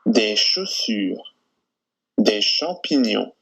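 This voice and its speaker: A man reads pronunciation drills very slowly, pausing after each word. His voice is gravelly and husky. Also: fairly low pitch, very animated, a bit bright, soft background music, rough recording. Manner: very slow, deliberate word-by-word reading. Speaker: pronunciation model reader. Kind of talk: reading syllables and words for drill.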